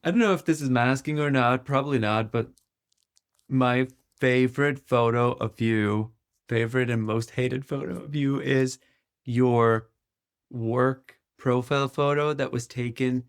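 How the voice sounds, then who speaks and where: A man co-hosting a podcast in casual chat, with dry, teasing, unhurried remarks. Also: medium pitch, fairly even intonation, smooth. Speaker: podcast co-host.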